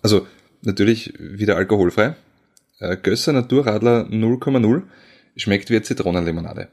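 Low-voiced relaxed man. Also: moderate pace. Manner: relaxed, tired, hesitant with fillers. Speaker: car journalist, co-host. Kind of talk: casual chat.

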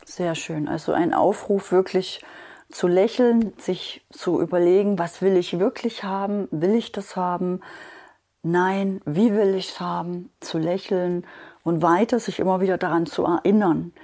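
A woman hosting an interview, warmly summarizing her guest's points and agreeing often. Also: lowish voice, fairly even intonation, unhurried. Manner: encouraging, frequent soft agreement. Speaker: interview host.

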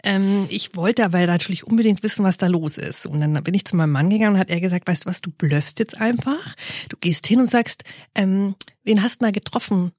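A woman's voice: on the low side, quick pace, a little mellow, no echo, studio quality. A woman, chatting as a podcast guest and acting out dialogue with funny voices. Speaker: podcast guest, family therapist. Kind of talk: casual storytelling chat.

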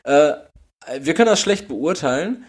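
A man's voice: fairly high pitch, expressive, normal speed, breathy edge. A German man co-hosting a podcast, rambling through casual chat with many fillers and restarts. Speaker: podcast co-host.

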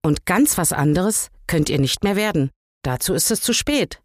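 An older woman voicing a tiny fat old king who shrinks with age, speaking slowly and thoughtfully in a lowered voice. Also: lively intonation, dry recording, clean studio sound. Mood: musing.

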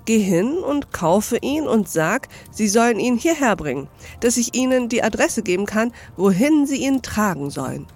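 A woman voicing a gleefully reformed elderly male miser with an excited, chuckling delivery in an audiobook reading. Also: a little high, moderate pace, soft background music.

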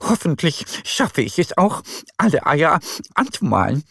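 A man voicing a busy, kindly male Easter hare in a children's audio story, with a lively, raised voice. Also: on the high side, unhurried, creaky, slightly rough, dry recording, clean studio sound, voice pushed up, exaggerated voice. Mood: eager.

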